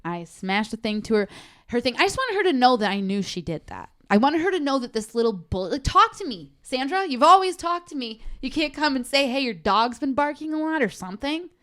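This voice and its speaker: A woman's voice: high voice, big pitch swings, a little fast. A young woman co-hosting a podcast, telling a story in a heated, profane, casual way. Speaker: podcast co-host. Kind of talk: casual chat.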